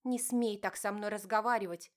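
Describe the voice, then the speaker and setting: A woman's voice: a little high, normal speed, pitched above the performer's own voice, close to an everyday voice. A woman voicing a young wife who is frightened yet defiant, speaking in a raised, agitated voice. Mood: indignant.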